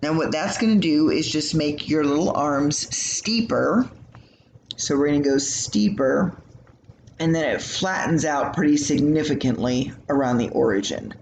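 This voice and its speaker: Man, math teacher, gravelly voice, chatty explaining, echoey room, faint hum. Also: a little high, unhurried. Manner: casual, chatty explaining with fillers. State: yawning, tired. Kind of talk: recorded math lesson.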